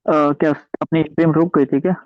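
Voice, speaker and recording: A man calling in to a live stream over a phone line, asking a question and filling pauses with "uh". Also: fairly high pitch, little pitch movement, dry recording. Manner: hesitant, fills pauses with "uh". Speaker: caller. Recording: dry, muffled phone-line audio.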